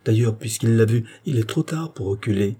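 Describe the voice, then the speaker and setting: A man's voice: lowish voice, animated, a little fast, mellow, breathy edge. A man voicing a simple, kindly maidservant who talks cheerfully and earnestly. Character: simple, kindly female servant, eager to please.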